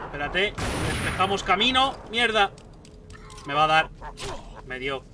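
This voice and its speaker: A young man giving excitable let's play commentary, swearing often and talking back at the enemies on screen. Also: high-pitched, measured pace, far from the mic, background noise. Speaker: gaming YouTuber. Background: gunfire and game sounds.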